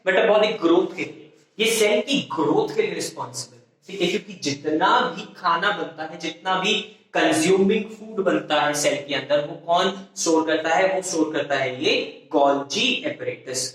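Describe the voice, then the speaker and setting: A man's voice: a little high, moderate pace, fairly bright tone, far from the mic. Man teaching in a very echoey room. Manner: repetitive call-and-response questioning, frequent self-corrections. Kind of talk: classroom biology lecture in Hindi-English mix.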